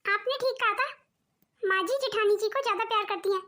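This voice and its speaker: A woman's voice: very high voice, a little fast, pushed and bright. A woman voicing a jealous, scheming young daughter-in-law in a cartoon, with a sulky, complaining manner. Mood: resentful.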